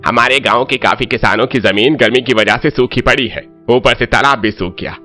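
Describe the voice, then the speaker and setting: A man voicing a worried village elder in a cartoon story, speaking gravely. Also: medium pitch, moderate pace, sharp tone, faint music behind, close to an everyday voice.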